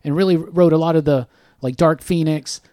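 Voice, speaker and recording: This podcast co-host, chatting casually in a studio, rambles and leans heavily on "like." He speaks at a normal speed in a voice on the high side with fairly even intonation, and it sounds mellow with no room sound.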